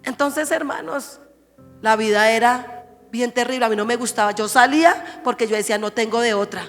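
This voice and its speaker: A woman's voice: fairly high pitch, moderate pace, fairly bright tone. A woman pastor giving a passionate testimony sermon, often calling out to her listeners as brothers. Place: church hall. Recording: church hall reverb with music.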